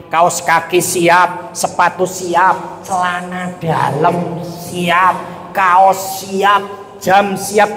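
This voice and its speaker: A man with a high, fairly bright voice preaches a humorous sermon to a crowd, joking playfully and frequently asking listeners to agree. The recording sounds echoey and reverberant, with faint ambience.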